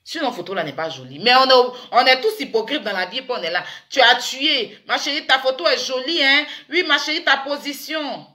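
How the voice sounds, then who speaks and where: A woman chats through a teasing, animated commentary vlog. Her voice sits a little high and rings very bright. She breaks into sudden loud exclamations. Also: fairly quick, few pauses. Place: in France.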